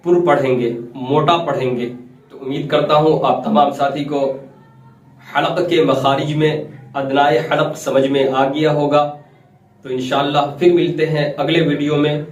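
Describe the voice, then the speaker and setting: A man's voice: a little high, flat delivery, roomy sound, distant mic. A man teaching Quran recitation step by step, repeating points, quizzing his listeners and stretching out letter sounds to show them. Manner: repeats key points and asks the class questions, then answers them; drawn-out demonstrations of letter sounds. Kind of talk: step-by-step tajweed lesson.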